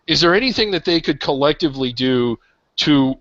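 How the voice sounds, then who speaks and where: A man's voice: fairly high pitch, animated, fairly quick, fairly bright tone, dry recording, lo-fi sound. A man hosting a roundtable sports talk show, thinking aloud in a rambling way with many restarts.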